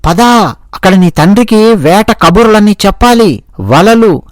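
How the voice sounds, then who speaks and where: A man's voice: high voice, expressive, a little slow, dry recording. A man voicing a group of young male hunters who insistently urge their friend to get up and come home. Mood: urging. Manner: insistent, urging.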